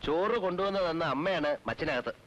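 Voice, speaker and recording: A man's voice: fairly high pitch, expressive, fairly quick, fairly bright tone, muffled recording. An actor playing a devout middle-aged man who heads a traditional household, speaking in a stern, formal way that turns earnest. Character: devout middle-aged man, strict but kind-hearted. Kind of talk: 1980s film drama.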